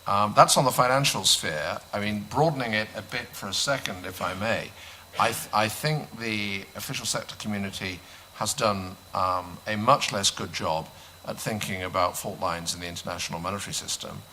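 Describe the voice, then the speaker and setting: A male panelist answering a question at a conference, measured, pausing often with "um". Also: lowish voice, pushed and bright, slight background noise, rough recording. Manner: measured, many "um" pauses, dry aside. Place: conference hall.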